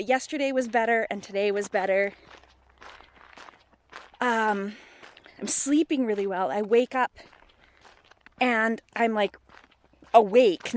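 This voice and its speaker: A middle-aged vlogger with a slightly high voice records a rambling, candid personal vlog on a handheld phone at arm's length. She often questions herself emphatically, and there's a bit of background noise.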